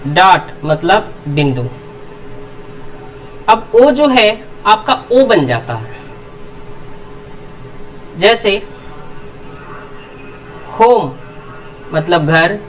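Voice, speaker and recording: Slow, lively-pitched teacher drilling words. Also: distant mic, low-quality recording. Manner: repeats rhetorical questions and answers them itself; drills word pairs slowly, word then meaning. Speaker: English pronunciation teacher. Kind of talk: explanatory lesson.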